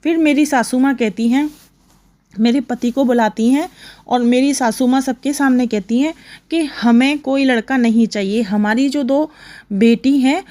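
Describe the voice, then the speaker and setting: A woman's voice: sits high, normal speed, warm tone. A woman narrating a devotional true story, retelling the characters' words in quotes in an earnest way.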